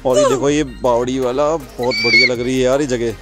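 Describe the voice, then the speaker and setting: A man's voice: mid-range voice, fairly even intonation, brisk, fairly bright tone, faint music behind. A father talks casually through a travel vlog, pointing out the sights as he walks. His voice echoes off the stone walls of an old stepwell at dusk, and it is picked up on a handheld phone. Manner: chatty, showing the sights as he goes. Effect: echo off the stone walls of a stepwell. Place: stone stepwell at a hill fort, outdoors at dusk.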